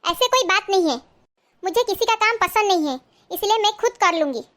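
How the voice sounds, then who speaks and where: A woman's voice: very high voice, expressive, brisk, fairly bright tone. A woman playing an overworked young wife who snaps sarcastically, in a comedy skit. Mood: curt. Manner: snappy, sarcastic.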